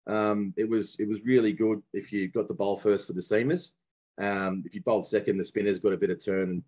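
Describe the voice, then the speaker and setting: Australian man, husky voice, lowish, relaxed storytelling, podcast guest. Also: fairly quick. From Brisbane, Australia. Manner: relaxed storytelling with mateship slang and many restarts. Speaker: guest, former professional cricketer. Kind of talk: casual podcast conversation.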